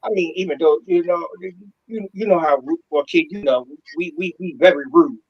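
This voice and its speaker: A man's voice: a little high, normal speed, husky, lo-fi sound. A man co-hosting a casual sports podcast, fired up and slangy, repeating himself as he makes his point. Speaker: podcast co-host.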